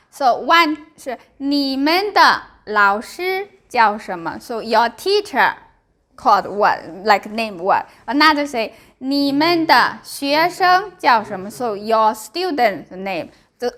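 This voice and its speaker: A woman's voice: high-pitched, a bit bright. A woman teaching a language class with a Chinese accent, speaking in short simple phrases, repeating and checking understanding. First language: Mandarin Chinese. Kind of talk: language lesson, drilling and explaining.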